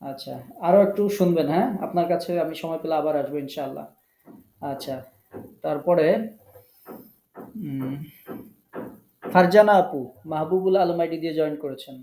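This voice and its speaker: A man's voice: fairly high pitch, moderate pace, long pauses, mellow, echoey room, poor audio. A man teaching a live online Quran recitation class, calling on students one by one, patiently correcting and drilling their pronunciation. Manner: patient, coaxing, repeats drills and gives tech help.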